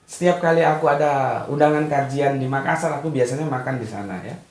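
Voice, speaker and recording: Animated male religious teacher, echoey room. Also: mid-range voice, brisk. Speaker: religious teacher answering viewer comments. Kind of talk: casual live study talk.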